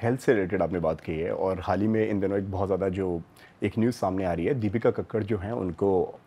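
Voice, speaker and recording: A man's voice: sits low, a little fast, mellow, slightly rough, lo-fi sound. A man with an Indian accent interviewing a guest, asking probing questions and affirming often.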